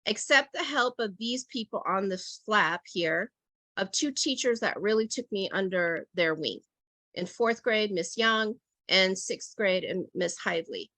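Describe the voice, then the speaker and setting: A woman's voice: mid-range voice, a little slow, pushed and bright, no room sound. A middle-aged woman leading an online teacher workshop over a video call, talking reflectively and checking in with "right?" and "okay?".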